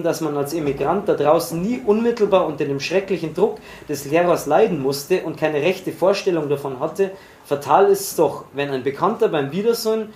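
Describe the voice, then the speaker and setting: A man reading a literary memoir aloud in a measured, expressive way. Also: on the high side. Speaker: reader. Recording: roomy echoey recording.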